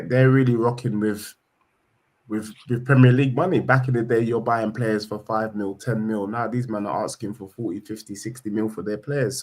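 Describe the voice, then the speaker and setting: A male podcast panellist with a slightly low voice and an urban London accent. He talks football casually, with firm opinions and plenty of street slang.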